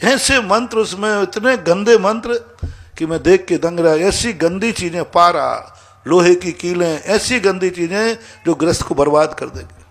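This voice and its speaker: A man's voice: high voice, unhurried, a bit bright. A man, a monk giving a sermon, scolding and emphatic, acting out dialogue in his stories. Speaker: Jain monk answering questions. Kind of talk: sermon with storytelling.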